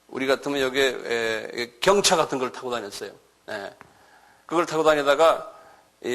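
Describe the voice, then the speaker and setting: A middle-aged man giving a sermon lecture to a congregation. He talks in an animated way, acts out scolding voices and keeps checking in with his listeners. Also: mid-range voice. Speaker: pastor.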